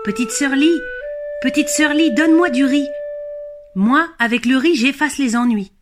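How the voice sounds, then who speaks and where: A woman voicing a kindly wild duck in a children's storybook, with a high, sing-song voice. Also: moderate pace, music in the background, close to an everyday voice. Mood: sweet pleading.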